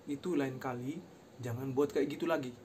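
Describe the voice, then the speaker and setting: A young man, a university student, giving a recorded class presentation, explaining terms and then slowly repeating how each phrase is pronounced, mixing in short English phrases. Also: medium pitch, steady tone, darkish tone, a little hiss or hum.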